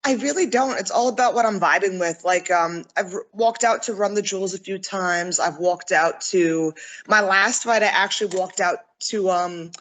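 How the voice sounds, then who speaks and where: A woman's voice: mid-range voice, normal speed, a bit bright, rough recording. Chatty candid young woman. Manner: chatty and candid, laughs often, says "like" a lot. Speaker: interview guest, MMA fighter. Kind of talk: casual video interview.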